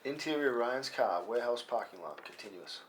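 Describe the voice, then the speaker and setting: A man reads scene headings and action lines as scripted narration at a table read, serving as the stage-direction reader. His mid-range voice is expressive and fairly quick. The recording is a noisy live room capture with clicks.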